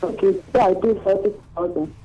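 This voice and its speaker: A woman calling in to a radio show over a clipped phone line, giving short, halting answers. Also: mid-range voice, fairly even intonation, dark tone. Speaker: caller. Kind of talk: call-in to a radio jobs show. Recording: muffled phone call.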